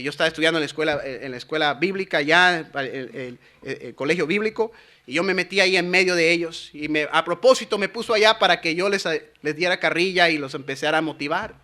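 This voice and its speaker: A pastor from Los Angeles, preaching to young people and telling a lively story that builds to fervent shouting. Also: male voice, fairly high pitch. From Los Angeles, USA. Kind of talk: sermon at a youth conference.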